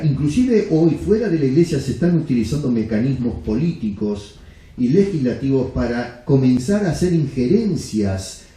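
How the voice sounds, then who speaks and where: Heavy echo fills this recording from a church sanctuary, where a man preaches an emphatic, blunt sermon. He poses rhetorical questions in a dark voice of medium pitch.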